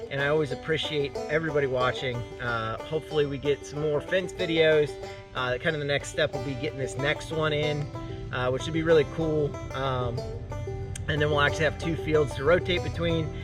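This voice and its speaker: A man's voice: on the high side, a bit bright. A man talking casually outdoors on his farm, hot and out of breath, rambling with lots of filler sounds. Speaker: farm vlogger. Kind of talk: casual outdoor vlog narration.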